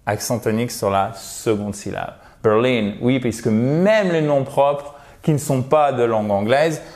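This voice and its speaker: A French-speaking man teaching English in a video lesson, lively, saying English sentences slowly and clearly. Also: mid-range voice.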